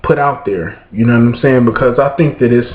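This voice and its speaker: A man's voice: medium pitch, a little fast. A man ranting into his camera, rambling and swearing constantly while checking in with his listeners. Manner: rambling, swears constantly, keeps asking "you know what I'm saying". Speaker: vlogger. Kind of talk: profane ranting monologue. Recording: roomy, dull lo-fi room sound.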